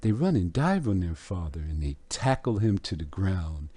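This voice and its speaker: A man's voice: low-pitched, big pitch swings, moderate pace, dark tone, no echo. A man teaching scripture, who tells the story vividly and acts out its scenes. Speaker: Bible teacher. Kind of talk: storytelling sermon.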